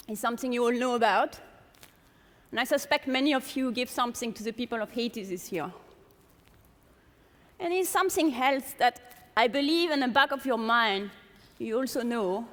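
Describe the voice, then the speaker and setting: A French woman with a strong accent and a somewhat high, slightly bright voice gives a public lecture in a large hall, asking her audience many rhetorical questions. Long hall reverb colors the recording.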